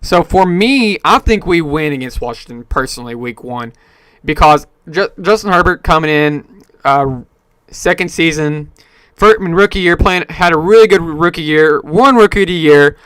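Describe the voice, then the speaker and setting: A man's voice: fairly high pitch, lively intonation, normal speed, fairly bright tone, clear, resonant tone, no room sound. A man hosting a casual solo podcast, rambling with many fillers and self-corrections. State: hiccups. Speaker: podcast host. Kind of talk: casual solo sports talk.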